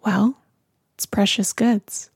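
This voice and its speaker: A woman recording a casual audio diary at home on a handheld mic, talking softly and often slipping into a whisper. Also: medium pitch, fairly even intonation, slow pace, vocal fry, breathy edge, no echo, clean studio sound. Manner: soft, often slips into a whisper. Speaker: podcast host.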